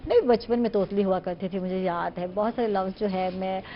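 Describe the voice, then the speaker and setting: A woman with a Pakistani Urdu accent hosts a morning talk show in a casual, playful, chatty way. Her voice sits at a middle pitch. The studio sound is slightly muffled with a faint hiss. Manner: chatty, quick back-channel replies, playful.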